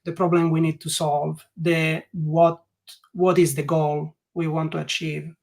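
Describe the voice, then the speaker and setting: An Italian man with an Italian accent speaks English as a second language as a guest learning experience designer in a webinar interview. He sounds hesitant, often restarting sentences and filling gaps with "like". His voice is slightly high, gravelly and darkish, with a flat delivery at a measured pace.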